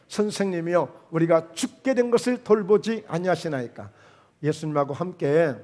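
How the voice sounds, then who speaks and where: A man's voice: fairly high pitch, darkish tone. A man with a Jeolla Korean accent preaching a sermon as pastor, emphatic, with rhetorical questions and quoted dialogue. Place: church sanctuary.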